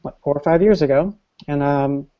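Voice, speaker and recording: A man's voice: on the high side, normal speed. A man from the Bay Area, a guest on a video call panel, who talks in a loose way with halts and restarts. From San Francisco Bay Area. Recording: muffled video call audio.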